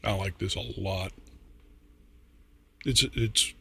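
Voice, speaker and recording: Sitting low in pitch with fairly even intonation, this older reaction-video host has a sharp tone with a breathy edge. He talks casually and haltingly, rambling, swearing now and then, slightly tipsy and slurring, in a dry recording.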